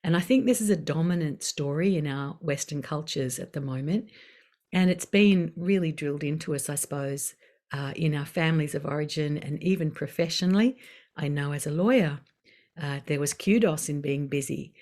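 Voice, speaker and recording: A middle-aged woman, calmly and unhurriedly guiding a self-care session with gentle pauses. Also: sits low. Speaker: wellbeing session facilitator. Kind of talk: guided self-care talk.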